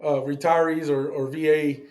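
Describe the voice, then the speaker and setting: Man, middle-aged, veteran guest, blunt, casual storytelling, slightly high voice. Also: level tone, normal speed, a little mellow. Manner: blunt, swears, acts out quoted dialogue.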